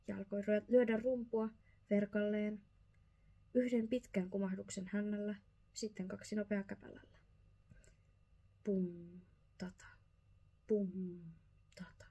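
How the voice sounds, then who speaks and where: A woman reading a bedtime story aloud in a soft, slow whispered role-play style. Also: mid-range voice, gravelly, husky.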